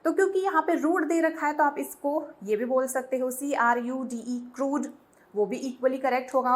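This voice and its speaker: High-voiced woman teaching English idioms. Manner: patient, spells words out letter by letter; switches between Hindi and English. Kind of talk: Hindi-English language lesson.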